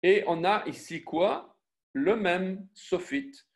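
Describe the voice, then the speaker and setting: A man teaching a Biblical Hebrew lesson online, spelling out syllables and letters one by one, often pausing to correct himself. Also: high-pitched, lively intonation, gravelly. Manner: self-correcting, with frequent fillers and restarts. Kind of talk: online class with screen sharing.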